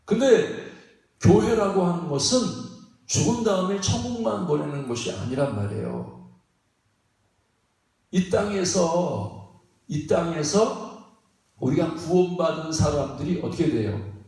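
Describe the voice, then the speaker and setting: A man's voice: fairly high pitch, lively intonation, unhurried, pauses often, darkish tone. A man preaching a sermon as pastor in a folksy, repetitive way, chuckling between phrases and often prodding the congregation for a reply. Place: church sanctuary. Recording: very echoey hall, mic at a distance.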